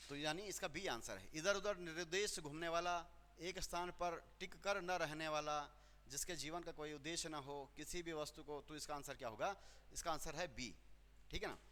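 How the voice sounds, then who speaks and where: A man's voice: on the high side, pushed and bright. A male teacher working through exam questions step by step, repeating words and correcting himself aloud. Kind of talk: exam solution lesson. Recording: hall reverb.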